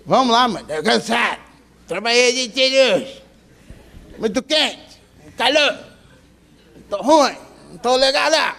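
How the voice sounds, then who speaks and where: A man's voice: extremely high pitch, lively intonation, unhurried, vocal fry, pauses often, bright, forceful tone, voice pushed up, heavily acted. A man doing a whiny, worn-out husband. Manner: whiny, complaining. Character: tired grumbling husband after work.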